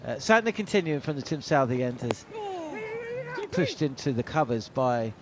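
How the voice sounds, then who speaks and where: A man's voice: mid-range voice, big pitch swings, moderate pace, crowd noise. A middle-aged man doing ball-by-ball cricket commentary from a commentary box, mixing play calls with rambling anecdotes and plenty of uh fillers. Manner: chatty, anecdotal, frequent uh fillers.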